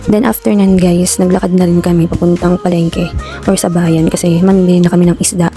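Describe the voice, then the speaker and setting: A woman's voice: on the low side, little pitch movement, fairly quick, warm tone, soft background music. A Filipino woman giving a chatty, playful voice-over narration for her vlog, addressing her viewers. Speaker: vlogger.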